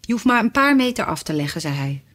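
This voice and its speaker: A woman voicing an eccentric, gentle male knight with an earnest, rhythmic delivery. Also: mid-range voice, very animated, quick pace.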